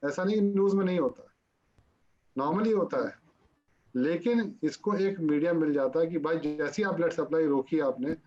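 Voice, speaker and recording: A man's voice: fairly high pitch, a little mellow. A male doctor answering interview questions, patiently explaining technical medical details. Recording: dull lo-fi audio.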